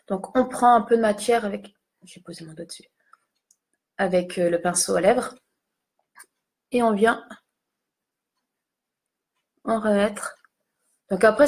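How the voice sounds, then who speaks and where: A young female beauty vlogger chats casually through a makeup tutorial, poking fun at herself and addressing viewers as she puts on lipstick. Her voice is mid-range with a darkish tone.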